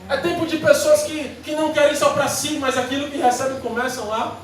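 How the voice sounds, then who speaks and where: A pastor preaching a sermon in an emphatic, repetitive rhetorical style, in a church sanctuary. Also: male voice, very high-pitched, little pitch movement, brisk. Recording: very echoey church hall from far off, faint noise.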